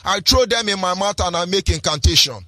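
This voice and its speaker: A man's voice: high-pitched, brisk, bright, forceful tone, no echo, soft background music. A man with a Nigerian accent, hosting a radio show and preaching in an impassioned, sing-song, rhetorical way. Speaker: radio host.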